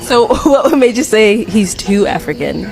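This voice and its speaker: A woman's voice: mid-range voice, lively intonation, unhurried, creaky, low-quality recording. Woman asking street-interview questions.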